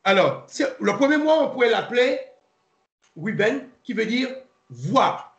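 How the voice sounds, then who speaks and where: A man leading an informal Bible study, pausing, repeating words and spelling names out letter by letter. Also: very high voice, sing-song, a bit bright, highs cut off. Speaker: Bible teacher. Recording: roomy echo.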